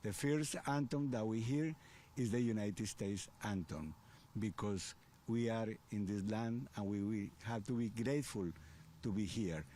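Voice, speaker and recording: A man speaks as a community event organizer in an interview. His delivery is slow and halting, full of fillers, and his voice has a mellow tone. Faint ambient noise sits behind him. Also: lowish voice. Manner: hesitant, halting with many fillers.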